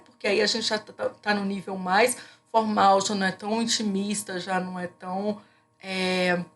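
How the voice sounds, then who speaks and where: A woman's voice: on the low side, vocal fry. Woman teaching with frequent restarts. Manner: explanatory, many fillers and restarts. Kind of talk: recorded class lecture.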